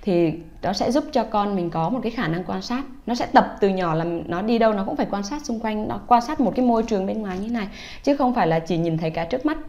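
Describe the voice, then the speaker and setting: A woman's voice: medium pitch, darkish tone, lo-fi sound. A woman, a teacher, explaining English phrases and pronunciation to parents in a patient, casual way. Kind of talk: casual instructional talk to parents.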